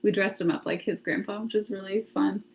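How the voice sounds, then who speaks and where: A woman's voice: mid-range voice, steady tone, fairly quick, vocal fry. A woman in her thirties chatting casually on a home livestream, self-deprecating and talkative, now and then dropping to a whisper to test her mic. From United States. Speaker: vlogger livestreaming. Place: home kitchen, indoors. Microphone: phone with clip-on mic.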